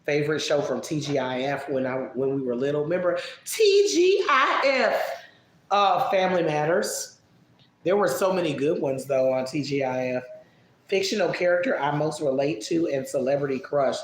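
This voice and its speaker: A man casually answering viewer questions on a live stream, relaxed and chatty, musing aloud as he thinks. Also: a little high, fairly quick. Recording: echoey room with faint background noise.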